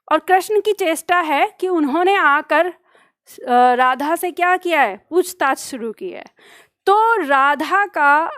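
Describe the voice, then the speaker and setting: A woman's voice: high-pitched, fairly bright tone, no echo, studio quality. A woman teacher explaining poetry verses line by line, asking questions and answering them herself. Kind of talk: Hindi literature lesson.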